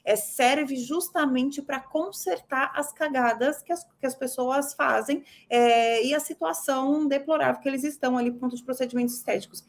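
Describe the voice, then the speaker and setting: A woman's voice: high voice, moderate pace, hardly any pauses. A woman with a Brazilian Portuguese accent, co-hosting a casual live class and explaining her points firmly. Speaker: co-host instructor. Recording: echoey room with faint ambience.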